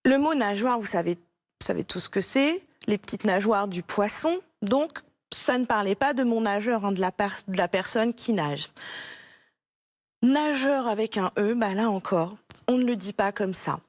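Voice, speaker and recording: A French woman teaching a primary school spelling lesson, speaking slowly and clearly, patient and encouraging as she repeats each word for a young pupil. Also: medium pitch, expressive, no room sound. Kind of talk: slow, clear classroom instruction to a child.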